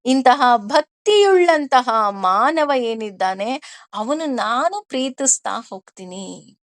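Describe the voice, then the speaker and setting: A spiritual teacher gives a discourse on scripture, taking Sanskrit verses line by line and explaining them through everyday examples. Her fairly high voice is slow and lively, and she keeps asking her listeners questions. The recording is dry and close, with no room sound.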